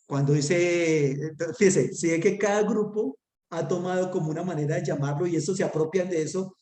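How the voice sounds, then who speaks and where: A man's voice: a little high, moderate pace, warm tone, roomy sound. A man teaching a Hebrew class online, talking conversationally and asking his students rhetorical questions.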